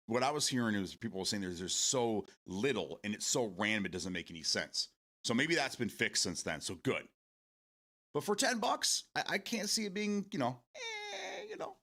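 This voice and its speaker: A man's voice: fairly low pitch, bright, forceful tone. A man in his forties hosting a casual morning stream, rambling, repeating words and swearing casually as he answers viewer comments. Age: 40s.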